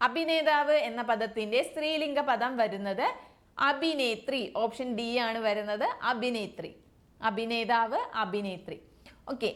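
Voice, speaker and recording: Higher-pitched woman teaching quiz questions. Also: fairly bright tone. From Kerala. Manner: reads options then confirms the answer, with frequent "okay". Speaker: exam prep teacher. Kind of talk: quiz-style language lesson.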